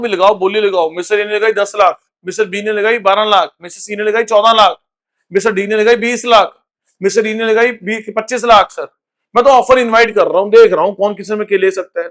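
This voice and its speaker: A man's voice: high voice, fairly bright tone. A man with an Indian accent teaching a recorded law lecture, switching between Hindi and English, ending phrases with "sir" and asking if students follow. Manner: mixes Hindi and English, tags lines with "sir", asks checking questions.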